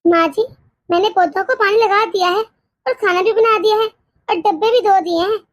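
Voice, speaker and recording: A woman voicing a timid, exhausted pregnant young daughter-in-law in an animated story, speaking meekly with stammers. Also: very high voice, normal speed, dry recording. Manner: meek, hesitant, stammering.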